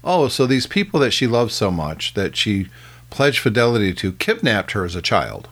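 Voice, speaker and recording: A man's voice: fairly low pitch, sing-song, moderate pace, a bit bright. A man co-hosting a podcast, talking bluntly and emphatically in a casual film review chat, with short agreeing replies. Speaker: podcast co-host.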